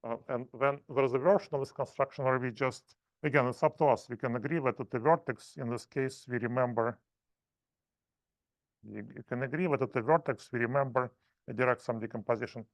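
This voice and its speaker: A man giving a math seminar lecture, explaining in halting, self-correcting phrases. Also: mid-range voice, dry recording.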